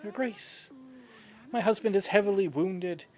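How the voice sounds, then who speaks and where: A man's voice: high voice, a little slow, a little mellow. A man voicing a worried peasant wife earnestly pleading for help in a fantasy game.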